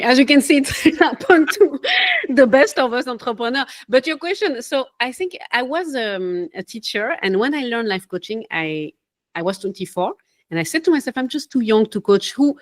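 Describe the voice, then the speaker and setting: A young woman from Switzerland, a life coach and podcast guest, talking in an animated, casual way with small laughs and self-corrections. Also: fairly high pitch, normal speed. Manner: animated, laughs between phrases, loses her train of thought. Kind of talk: casual interview talk.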